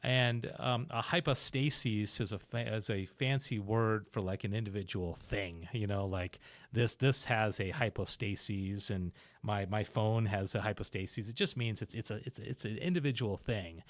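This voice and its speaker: A man's voice: fairly low pitch, normal speed, few pauses, dry recording. A man hosting a talk show, explaining philosophy in a casual, chatty way and checking in with "okay?" as he goes. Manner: explanatory, repeats "okay?" and restarts, chuckles. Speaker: podcast host explaining Thomistic philosophy. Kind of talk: casual teaching chat.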